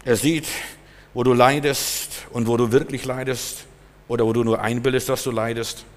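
A man preaching a sermon emphatically, his voice swinging between loud stresses and quieter passages. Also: mid-range voice, flat delivery, moderate pace. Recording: long hall reverb.

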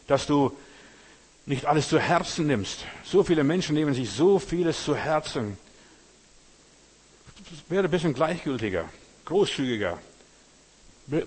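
A man's voice: mid-range voice, husky. A man preaching a sermon in an earnest, repetitive way, often addressing the listener directly.

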